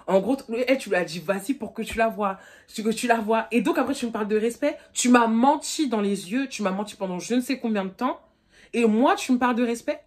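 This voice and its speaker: A young woman from France telling a storytime vlog in a slangy, animated way, acting out both sides of the dialogue. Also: on the high side, fairly quick. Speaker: YouTuber. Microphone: phone camera.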